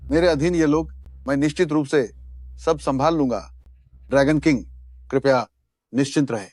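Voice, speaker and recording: A man's voice: fairly high pitch, normal speed, darkish tone, no echo, clean studio sound, lightly acted. A man dubbing a fearful debtor boss who begs for mercy and stammers. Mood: groveling. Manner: pleading, stammering. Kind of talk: Hindi dub of a drama.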